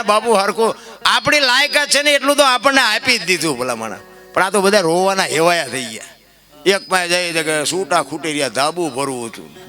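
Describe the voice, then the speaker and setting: High, bright rustic storyteller man. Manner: rustic, preachy, swings between loud outbursts and soft asides. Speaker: folk storyteller and speaker. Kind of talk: Gujarati folk discourse to a live audience.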